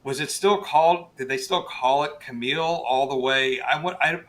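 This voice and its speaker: Halting, conversational man explaining things. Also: medium pitch, fairly bright tone. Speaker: guest, television chief meteorologist.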